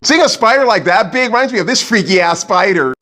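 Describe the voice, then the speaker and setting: A man gives informal review commentary in a lively, swinging voice. It sits on the high side, over faint music. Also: a little fast. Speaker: video reviewer.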